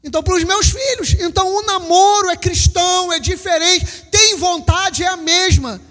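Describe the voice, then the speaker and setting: Emphatic high-voiced preacher in his fifties. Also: moderate pace, a bit bright, long reverb tail, soft background music. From Brazil. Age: 50s. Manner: emphatic, repeats lines, acts out little scenes. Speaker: pastor. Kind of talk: sermon. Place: church hall.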